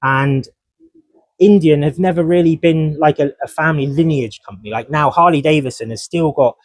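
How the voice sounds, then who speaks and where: A man's voice: on the high side, moderate pace, no echo. A man co-hosting a podcast, chatting casually about motorcycle racing and reading from his notes. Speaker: podcast co-host. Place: motorcycle dealership event.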